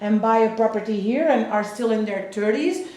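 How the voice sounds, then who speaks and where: In an echoey room, a real estate agent from Belgium in her fifties interviews clients in relaxed conversation, giving long explanations full of restarts. She speaks at a normal speed in a fairly high, darkish voice.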